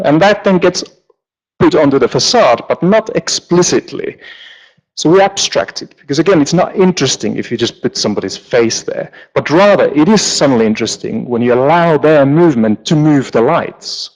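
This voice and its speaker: A man from Finland, a lighting designer giving a relaxed, joking conference talk with many ums, on stage in a large auditorium. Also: mid-range voice, poor audio. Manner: relaxed, joking, with frequent fillers. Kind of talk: conference presentation.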